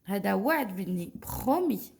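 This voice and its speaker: A young woman with an Algerian accent teaching children to read, spelling words out slowly and carefully and checking in with them often. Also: medium pitch, lively intonation, gravelly, darkish tone, a little hiss or hum. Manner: slow, carefully spelled-out pronunciation with friendly check-ins. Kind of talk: children's reading lesson.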